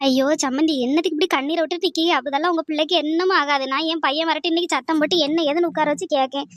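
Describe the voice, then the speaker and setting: A woman's voice: sits high, fairly even intonation, racing, dry recording, studio quality, lightly acted. A woman voicing a reassuring middle-aged mother-in-law in a cartoon. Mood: soothing. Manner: soothing, promising. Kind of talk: cartoon voice acting.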